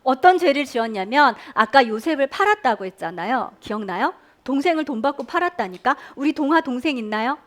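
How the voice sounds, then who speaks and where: A woman leads children through a Sunday school sermon in a church classroom, quizzing them and guiding them in call-and-response. Her high voice moves a little fast, with hardly any pauses.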